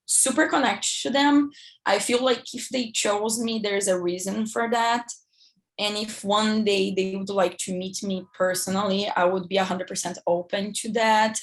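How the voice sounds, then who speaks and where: Young brazilian woman sharing her story on a panel, earnest, bit of fry in her voice. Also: mid-range voice. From southern Brazil. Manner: earnest, slightly halting, non-native phrasing. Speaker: egg donor panelist. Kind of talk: personal account on a panel.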